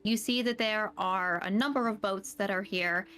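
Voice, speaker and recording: A woman's voice: mid-range voice, moderate pace, fairly bright tone. Woman narrating as game master. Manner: descriptive, filler-heavy narration.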